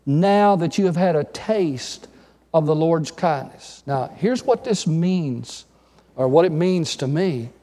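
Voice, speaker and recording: A man with a high voice preaches to his congregation, calling for answers and rising into fervent emphasis before dropping back to quiet teaching. His voice rings out with a long reverb in a church hall. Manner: preachy call-and-response, rising and falling with emphasis. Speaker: pastor. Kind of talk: sermon.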